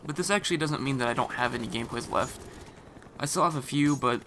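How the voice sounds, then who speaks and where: Over loud gunfire and explosions from the game, a man with an irritated, scratchy throat gives rambling, casual commentary packed with fillers and false starts. His voice is mid-range and fast.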